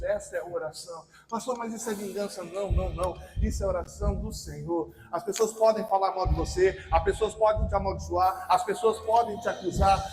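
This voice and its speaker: A Brazilian man preaching a sermon in a church, fervently shouting and leading the congregation in repeated declarations. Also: high voice, a little hiss or hum, poor audio. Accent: Brazilian Portuguese. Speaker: pastor. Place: large church sanctuary.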